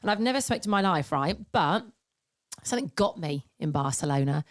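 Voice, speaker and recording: British woman with a husky, playful rasp. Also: sits low, expressive, brisk, dry recording, clean studio sound. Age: late 30s. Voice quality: husky rasp, especially in laugh. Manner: chatty, playful. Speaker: podcast co-host. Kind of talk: casual chat.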